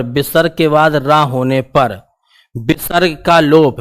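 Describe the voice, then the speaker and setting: Colloquial Hindi exam-prep teacher, higher voice. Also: male voice, clean tone. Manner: explains in a casual, colloquial style, asks questions and repeats the answers. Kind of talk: exam-prep grammar lesson.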